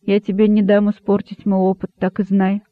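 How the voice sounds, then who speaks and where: A man's voice: high voice, no room sound, close to an everyday voice. A man voicing a grave rabbit sage. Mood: stern. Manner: calm, grave, measured. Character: wise sad old rabbit sage, calm. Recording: dry, narrow phone-like sound.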